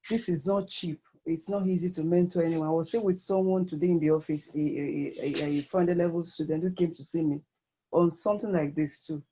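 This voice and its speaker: A woman's voice comes through an online group voice call, pitched a little low and mellow in tone. She talks as a guest in a meeting, earnestly restating her points. A faint hiss sits under her words. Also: fairly even intonation, brisk, rough recording. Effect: heard over an online group voice call. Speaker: guest participant giving feedback. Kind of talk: spontaneous remarks in a meeting.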